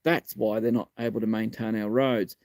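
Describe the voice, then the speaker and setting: A man's voice: lowish voice, fairly even intonation, moderate pace, darkish tone, no room sound, studio quality. An Australian man in his fifties with a missing front tooth, speaking live in blunt, emphatic, sweary short phrases. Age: 50s. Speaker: live-stream host and community advocate. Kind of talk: live political talk, answering viewer questions.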